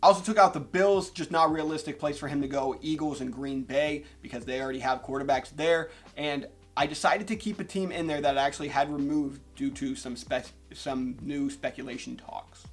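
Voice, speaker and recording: A young man hosting a casual sports vlog, joking and animated, swearing now and then. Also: a little high, a little fast, hardly any pauses. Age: young adult. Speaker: sports vlogger.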